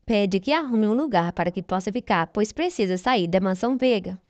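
A woman narrating a soap opera episode summary in an even, measured reading voice. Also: mid-range voice, dry recording, dull audio. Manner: even, measured reading, quoting characters in the same voice. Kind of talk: scripted narration.

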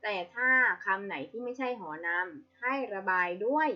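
A primary school teacher gives a slow, clear reading lesson to young pupils, patiently sounding out each letter. Her medium-pitched voice is animated and her pace normal. The audio is slightly dull and lo-fi.

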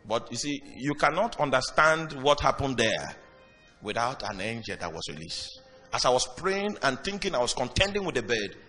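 Bright-voiced male preacher in a reverberant hall. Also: mid-range voice. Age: young adult or older. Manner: preaches with dramatic pauses and sudden loud bursts. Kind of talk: sermon. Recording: reverberant hall with music behind.

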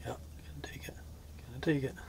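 A young man in a small ice fishing shelter, giving excited running commentary on each bite as he fishes. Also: mid-range voice, fairly quick, vocal fry, whispered.

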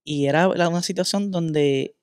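A man's voice: on the high side, normal speed, a little mellow, clear, resonant tone, no echo, clean studio sound. Man telling a candid story. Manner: candid storytelling, mixes in English words. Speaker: podcast host.

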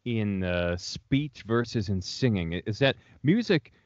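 A man hosting an interview, talking in a halting way with many repeated words and restarts. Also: on the low side, animated, dry recording, muffled recording. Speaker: podcast host. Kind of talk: interview conversation. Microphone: remote video call.

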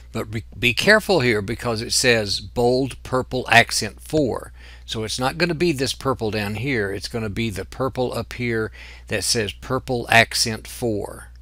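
A man teaching software in a screen-recorded tutorial, explaining each step patiently. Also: fairly low pitch, no echo. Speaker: software instructor.

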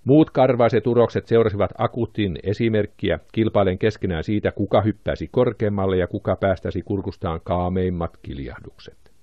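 A man's voice: lowish voice, no echo, dull audio. A man reading an audiobook aloud, lifting his voice for the characters' lines. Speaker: audiobook narrator. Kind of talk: audiobook narration.

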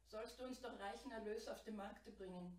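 A woman voicing a timid, kind young fisherman's son who speaks in a hushed, hesitant way. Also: medium pitch, normal speed, close to an everyday voice. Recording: roomy, distant mic.

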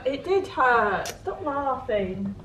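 Young woman, casual vlogger, high lively voice, gushing. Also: slow pace. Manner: bubbly and exclamatory, gushes at dogs. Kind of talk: casual vlog chat.

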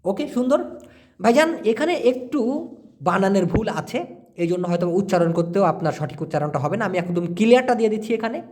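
A man from Bangladesh teaching language and answering viewer questions, spelling out and repeating words slowly. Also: high voice, expressive, a little mellow.

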